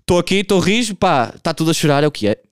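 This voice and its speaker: Animated young stand-up comedian. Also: male voice, on the high side, quick pace, smooth, no echo, studio quality. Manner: casual, profane, animated storytelling with vocal impressions.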